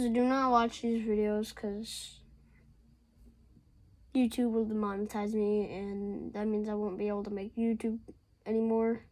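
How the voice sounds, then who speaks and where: A woman hosting a reaction video, giving casual, excitable, slangy commentary and talking straight to her viewers. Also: fairly high pitch, vocal fry, rough recording.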